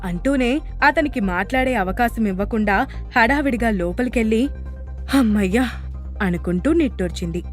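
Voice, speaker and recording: A woman's voice: a little high, normal speed. Woman narrating an audio drama over faint music. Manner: steady storytelling.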